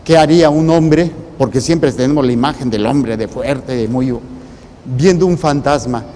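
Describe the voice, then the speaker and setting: Mexican priest preaching in a reverberant space. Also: male voice, medium pitch, mellow, slight background noise. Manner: deliberate, in short broken phrases with pauses. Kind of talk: preaching a sermon.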